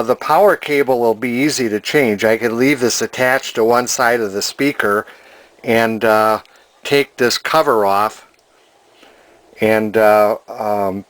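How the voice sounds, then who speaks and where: In his home workshop, a radio restorer casually talks through an antique radio repair, plain and hesitant with frequent fillers. His voice is mid-range and a bit bright.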